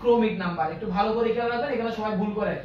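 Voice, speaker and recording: A man's voice: sits high, very fast, a little hiss or hum. A man teaching accounting in a live online class, playful and repetitive, drilling rules that the students recite with him. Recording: echoey, distant, dull lo-fi room sound.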